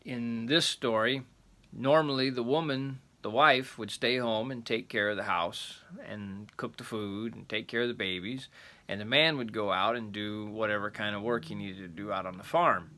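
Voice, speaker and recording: A man's voice: on the low side, fairly even intonation, normal speed, bright, forceful tone. An older man reading a folk tale aloud like a rambling grandpa, adding folksy asides and plain explanations. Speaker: storyteller.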